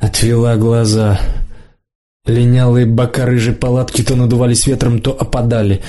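A man narrating a novel aloud in a measured, expressive reading style. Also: mid-range voice. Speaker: audiobook narrator. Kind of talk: literary narration.

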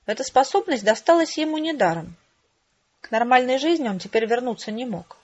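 A woman reading an audiobook as narrator, in steady, even storytelling. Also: fairly high pitch, a little fast, muffled recording. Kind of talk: scripted narration.

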